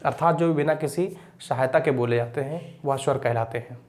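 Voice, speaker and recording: A young male teacher giving an exam-prep grammar lesson, repeating key phrases, checking in with listeners, and reciting rules slowly. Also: mid-range voice, darkish tone. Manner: recites Sanskrit sutras slowly.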